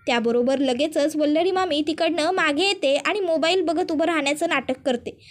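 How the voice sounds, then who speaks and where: Woman retelling a serial episode, very high voice, strings events together like a story. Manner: chaining events with stock linking phrases. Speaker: narrator recapping a TV serial. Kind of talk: storytelling recap narration.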